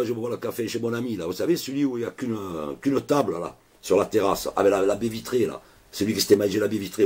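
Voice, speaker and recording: A man's voice: mid-range voice, darkish tone, breathy edge. A man telling a rambling, chatty story to camera in a casual vlog, full of swearing and asides. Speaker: vlogger.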